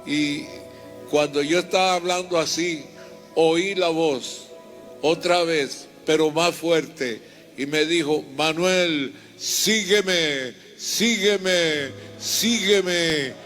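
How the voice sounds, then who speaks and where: A man's voice: on the high side, steady tone, slow pace, soft background music. An older man, a reverend, giving a fervent personal testimony and retelling his story in repetitive, heartfelt bursts.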